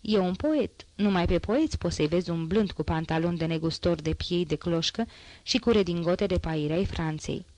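A woman voicing a sharp-witted young man who teases his friend with playful, mocking quips, in an audiobook reading. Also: lowish voice, no echo, close to an everyday voice.

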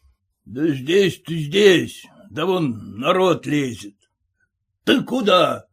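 A man voicing a domineering, boastful middle-aged merchant who speaks with deliberate gruffness. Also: fairly high pitch, very animated, exaggerated voice.

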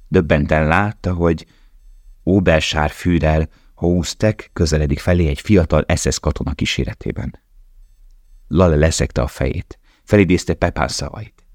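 A man reading a novel aloud in a calm, measured way. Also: a bass voice, no echo, studio quality. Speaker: audiobook narrator. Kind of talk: scripted narration.

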